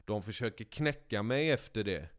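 Smooth-voiced man spinning a boastful tale. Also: on the low side. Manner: lively, profane, boastful storytelling. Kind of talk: casual chat, animated storytelling.

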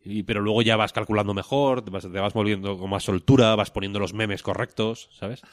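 A man's voice: fairly low pitch, steady tone, fairly quick, no echo, studio quality. A man in his thirties, chatting casually on a podcast in a rambling, self-mocking way and swearing freely. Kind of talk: casual chat.

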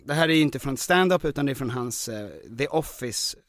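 A man's voice: medium pitch, fairly bright tone, no room sound, studio quality. A man hosting a casual podcast, explaining and listing categories with some fillers. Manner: lecturing, lists categories with fillers. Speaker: podcast host.

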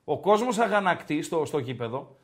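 Lively high-voiced man joking about football. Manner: animated, joking, rants about referees. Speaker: podcast co-host. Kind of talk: casual sports banter.

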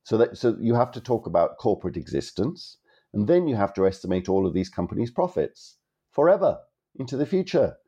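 A man's voice: on the low side, big pitch swings, a little fast, mellow, husky, highs cut off. A man hosting an economics podcast, explaining in long turns with wry asides. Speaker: podcast host.

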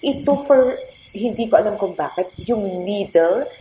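A middle-aged woman telling her story in a lively, casual way as a guest. The room rings with echo, and a crowd chatters clearly behind her. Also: mid-range voice, a little slow. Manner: animated storyteller, switches between Tagalog and English. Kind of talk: casual Taglish conversation.

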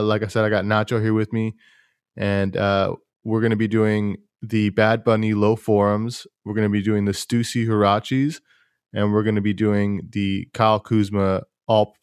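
A young man hosting a casual sneaker podcast, talking in a rambling, laid-back way with a fairly monotone voice. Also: fairly low pitch, no room sound, clean studio sound. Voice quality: self-described monotone voice. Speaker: podcast host.

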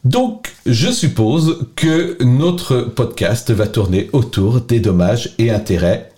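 A man co-hosting a casual podcast, chatty and friendly, often pausing with fillers. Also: mid-range voice, animated, dark tone. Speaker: podcast co-host.

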